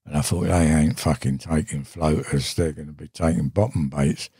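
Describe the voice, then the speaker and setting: An older man with a very low, husky voice tells a long, rambling tale as a podcast guest. He talks casually and saltily, swearing freely and stopping on fillers. The studio sound is close and dry. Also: moderate pace, dark tone, no echo. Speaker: podcast guest, veteran angler. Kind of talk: casual anecdotal storytelling.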